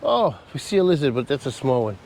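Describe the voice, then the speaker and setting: A travel vlogger walks through an outdoor park by a causeway bridge, chatting casually and laughing at himself. His mid-range voice is very animated, fast, gravelly and darkish, made nasal by a cold, and there's a little hiss or hum.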